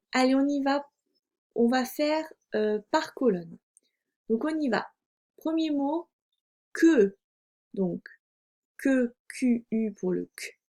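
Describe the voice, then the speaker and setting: Slow, patient woman teacher dictating. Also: fairly high pitch, gravelly, warm tone. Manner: slow, careful dictation, spelling out letters; patient, explains and repeats words. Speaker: first-grade teacher. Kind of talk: remote reading lesson for young children.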